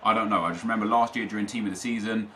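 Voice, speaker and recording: Racing through his replies to viewer comments, this young British gaming host rambles, argues casually and fixes his own sentences partway through. His pitch is fairly low, his tone steady and sharp, and there's a little hiss or hum on the recording.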